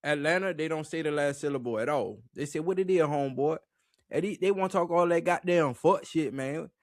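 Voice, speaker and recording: A man's voice: fairly high pitch, fairly quick, dry recording, clean studio sound. A young man with a New Orleans accent, chatting casually as an interview guest, laughing often and playfully imitating how people talk. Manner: laid-back, laughs often, playful mimicry. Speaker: interview guest, independent musician.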